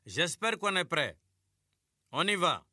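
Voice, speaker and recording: A man teaching a scripted radio lesson to primary pupils, speaking slowly, clearly and patiently. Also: fairly high pitch, big pitch swings, loud music behind the voice. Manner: slow, clear, patient classroom delivery.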